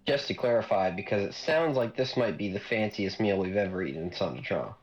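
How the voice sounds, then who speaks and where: A male player asks curious, jokey questions, his pitch swinging widely. His mic sounds dull and lo-fi. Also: expressive, fairly quick.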